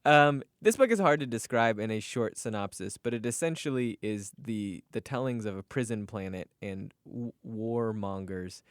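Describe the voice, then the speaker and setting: A man's voice: fairly low pitch, moderate pace, hardly any pauses, smooth, no echo, studio quality. A man co-hosting a comic book podcast, chatting loosely with lots of laughs and swearing. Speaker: podcast co-host. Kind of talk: casual chat.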